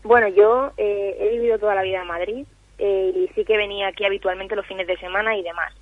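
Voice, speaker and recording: Young woman guest calling in, halting and filler-heavy, dull phone sound, dry. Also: mid-range voice, steady tone, no echo. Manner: hesitant, many fillers and restarts. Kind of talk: casual radio interview over the phone. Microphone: telephone. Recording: muffled phone line.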